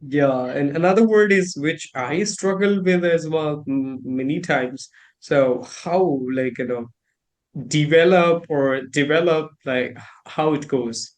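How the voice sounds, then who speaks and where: Animated Indian man, high voice. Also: slow pace. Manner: animated storytelling, acts out reactions. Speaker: host. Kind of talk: casual chat about pronunciation.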